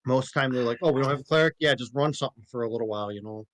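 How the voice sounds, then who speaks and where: A man running a tabletop game, chatting hesitantly and clearing his throat. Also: medium pitch, rapid-fire, no room sound. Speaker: game master. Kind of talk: casual tabletop chat.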